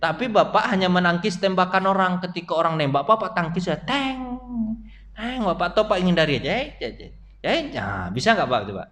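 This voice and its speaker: At a mosque study session, a middle-aged man preaches through animated stories and questions directed at his listeners. He speaks fast in a high-pitched voice, with a little hiss or hum in the recording.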